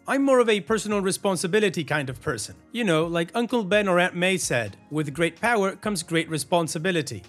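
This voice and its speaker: Male story-podcast host, high-pitched, blunt and a bit sarcastic when giving his verdict. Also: a bit bright. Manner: blunt, opinionated, mildly sarcastic. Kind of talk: reading stories and giving commentary.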